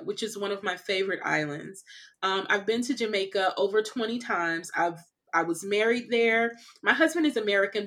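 A woman from California, a podcast interview guest, telling travel stories in casual conversation, animated and quick to laugh, with frequent "like" and "you know". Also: medium pitch.

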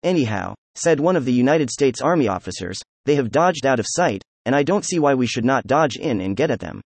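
A man narrates a story at a middle pitch, reading in an even, unhurried way. The sound is close and dry, with no room around the voice. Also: breathy edge, no echo. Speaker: audiobook narrator. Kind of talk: scripted narration.

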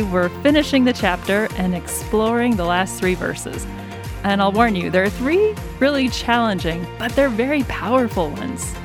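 A woman hosting a conversational Bible study podcast and teaching as she goes. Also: a little high.

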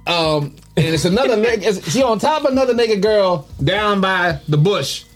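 Male podcast co-host, casual storyteller, slightly higher voice, faint music under the talk. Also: animated, moderate pace. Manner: loose anecdotal storytelling with profanity and slang.

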